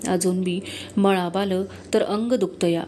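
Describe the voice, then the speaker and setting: A woman's voice: on the low side, fairly even intonation, unhurried, mellow. A woman reading the lines of an elderly, humble village farmer in an audiobook of a historical novel, with rustic, earnest speech. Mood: pleading. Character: elderly male village farmer, humble, grieving, proud of his son.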